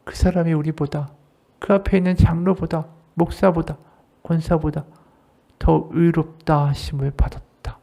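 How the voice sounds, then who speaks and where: An associate pastor delivers a sermon at a church service in a gravelly, mid-range voice at a normal pace. His preaching is animated, rising and falling, and he poses many rhetorical questions to the congregation.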